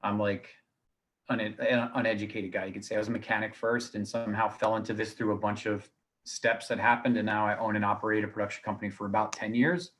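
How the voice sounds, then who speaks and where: A man's voice: fairly low pitch, level tone, quick pace, fairly bright tone. A man who runs a production company, introducing himself casually and self-deprecatingly on a video-call panel. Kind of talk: panel discussion, personal intro.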